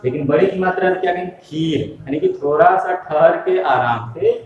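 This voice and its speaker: A man's voice: on the high side, a little fast, dull audio, a crowd in the background. A man teaching a primary school Hindi lesson step by step, patiently spelling out letters and asking questions that he answers himself. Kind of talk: slow step-by-step classroom lesson. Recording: echoey room, voice from a distance.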